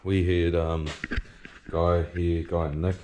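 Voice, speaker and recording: Casual male vlogger, broad New Zealand accent, deep-pitched, slangy and sweary, slightly noisy handheld recording. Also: level tone, slow, darkish tone. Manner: laid-back, slangy, sweary. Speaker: vlogger and drift car driver. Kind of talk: casual video diary.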